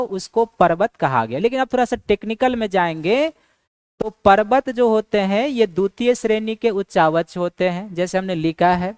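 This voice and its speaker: A woman teaching a geography class in a smooth, resonant voice at an ordinary middle pitch. She keeps posing questions to her students and answering them herself, and repeats the key points. The sound is dry and close. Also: dry recording. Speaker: geography teacher for exam prep. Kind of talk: classroom lecture.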